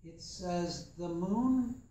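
A young man teaches a tai chi class while demonstrating in a large, empty dojo with a mat floor, talking in a relaxed, thoughtful, chatty way with fillers. His voice is high and very slow, and a distant camera mic captures the echoey room.

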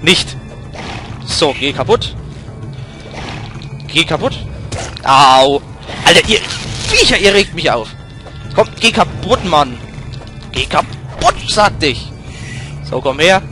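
A young man commenting on his own gameplay in casual slangy chatter. His fairly high voice jumps around a lot, sliding from muttering into loud outbursts. Loud game music plays behind him. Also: sing-song, slow pace, long pauses. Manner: slangy, swings from mumbling to loud outbursts during fights. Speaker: let's play host. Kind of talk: German let's play commentary.

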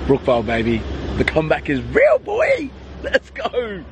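Chatting casually into a camera held at arm's length, this thirtysomething rugby league player and vlogger hypes things up in slangy, upbeat style. His slightly high voice swoops wildly in pitch at normal speed, with traffic and room sounds clearly audible in the background.

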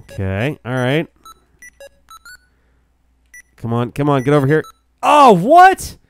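A man's voice: medium pitch, a little fast, clean tone. A man giving casual, crude commentary while coaching a friend through a retro handheld game. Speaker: let's play co-host. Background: faint game music and beeps.

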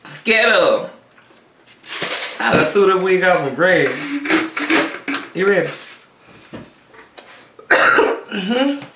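A woman's voice: on the low side, very slow, long pauses, noisy background. A woman hosting a mukbang video, chatting casually and joking in slang while eating, in a small room. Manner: relaxed, joking, slangy banter. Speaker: mukbang channel host. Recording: echoey small room, far from the mic.

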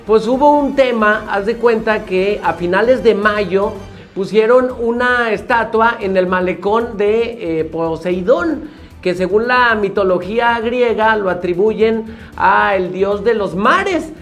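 A man's voice: very high-pitched, takes it slowly, fairly bright tone, soft background music. A man with a Mexican accent co-hosting a comedy news show, cutting in with slangy wisecracks and gags. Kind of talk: joking casual news banter.

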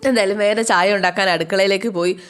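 A woman casually retelling a TV serial episode, chatty and lively as she acts out the characters' lines. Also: medium pitch, quick pace, smooth. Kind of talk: casual storytelling recap with acted quotes.

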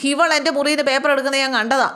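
Brief: woman doing a domineering middle-aged boss lady, scolding and accusing at a raised pitch. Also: steady tone, very fast, fairly bright tone. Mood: angry scolding.

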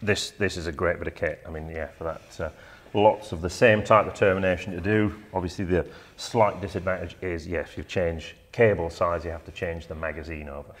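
A man's voice: deep voice, steady tone, a little fast, few pauses. A man co-hosting a tool review, teasing his partner dryly and explaining details plainly. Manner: dry teasing, matter-of-fact explaining. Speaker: co-host of tool review channel. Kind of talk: casual banter during a tool test.

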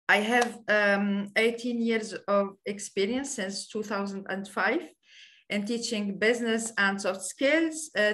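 Tunisian woman lecturer, French-accented English, slow and halting over a video call, slightly high voice. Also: a bit bright. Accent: French-influenced English. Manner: hesitant, many fillers. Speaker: business lecturer. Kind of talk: online lecture presentation.

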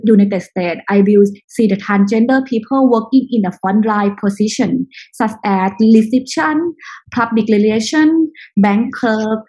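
A woman, a podcast guest answering questions in a halting way with frequent pauses. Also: medium pitch, dark tone, slightly rough, low-quality recording. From Thailand. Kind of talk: casual interview answers.

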